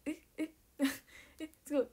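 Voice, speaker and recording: A young woman chatting on a livestream, excitable and giggly, thanking viewers by name as she reads their comments. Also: takes it slowly. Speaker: idol livestreamer. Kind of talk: casual livestream chat reading viewer comments.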